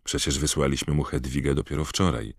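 A man's voice: a bass voice, fairly even intonation, a little fast, vocal fry, no echo, clean studio sound, full character voice. A man reading an audiobook voices a blunt, grumbling teenage schoolboy wizard in a matter-of-fact tone.

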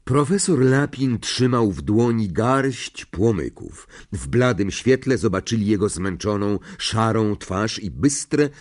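A man narrating an audiobook in a slow, suspenseful, dramatic way. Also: on the low side, animated.

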